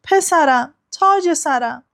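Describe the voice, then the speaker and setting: A woman's voice: expressive, darkish tone, close to an everyday voice. Woman voicing a distraught noble mother. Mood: wailing. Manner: high, cried-out, demanding lines. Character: grieving noble young mother, quick to anger.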